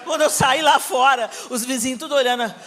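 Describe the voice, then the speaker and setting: Animated Brazilian woman preaching in a hall. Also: high voice, brisk, noisy background. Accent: Brazilian Portuguese. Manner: animated storytelling, voicing family members, shouting at peaks. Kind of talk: sermon with acted-out story. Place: church hall. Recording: reverberant hall, live sermon.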